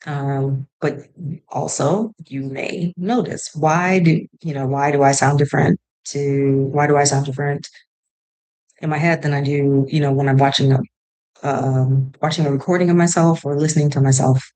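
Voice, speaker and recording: A woman's voice: low-pitched, steady tone, normal speed, mellow, poor audio. A young woman talking to camera in a casual, rambling way, giving advice like she is chatting with a friend. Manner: chatty, rambling, shifts into playful voices. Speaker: vlogger.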